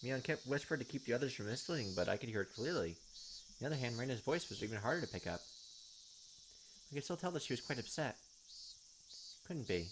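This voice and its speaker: A fast-talking host with a mid-range voice and lively intonation leaves long pauses as he plays through a visual novel, reading its text aloud and tossing in casual, wry commentary. His throat is raw and scratchy from winter weather, and music plays behind him.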